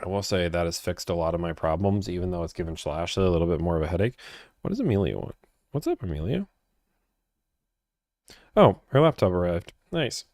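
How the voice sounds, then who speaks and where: A man hosting in a casual style, low-key on the phone and more animated when he explains to his online audience. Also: fairly quick, pauses often, dry recording, clean studio sound. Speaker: host, car buying negotiator.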